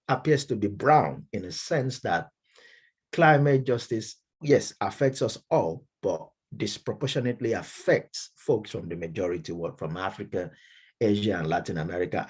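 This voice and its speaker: A middle-aged man with a Nigerian accent, giving a measured academic lecture with frequent fillers and restarts. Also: lowish voice, darkish tone, slightly rough. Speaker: Baptist minister and speaker.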